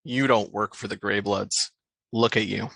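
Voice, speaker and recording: Man putting on a low, gravelly toy knight thug. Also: steady tone, measured pace, a bit bright, dry recording, exaggerated voice. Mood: threatening. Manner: confrontational, taunting, slangy.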